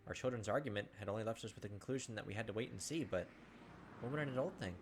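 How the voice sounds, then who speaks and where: A gaming video host reads visual novel text aloud with theatrical emotion, speaking rapid-fire in a lowish voice. Game music plays under him, along with a little hiss or hum.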